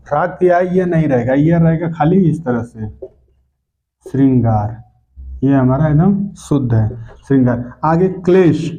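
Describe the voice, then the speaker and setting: Man, teacher, mellow voice, repeats words slowly, dull lo-fi sound. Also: fairly high pitch. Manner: explains step by step, repeats each correct word slowly. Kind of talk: spelling lesson lecture. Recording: dull lo-fi recording.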